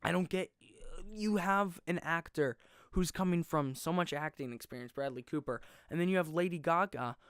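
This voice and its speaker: A young man hosting a podcast, reviewing a film in a casual, rambling, excitable way and often correcting himself mid-sentence. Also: fairly high pitch, moderate pace, smooth, dry recording, clean studio sound. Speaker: podcast host.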